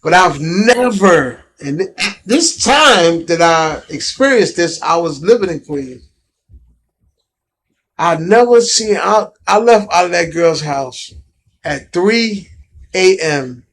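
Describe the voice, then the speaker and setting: A man's voice: sits high, lively intonation, takes it slowly, a bit bright. A man from Brooklyn with a New York accent, chatting casually and peppering his talk with slang. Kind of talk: casual chat.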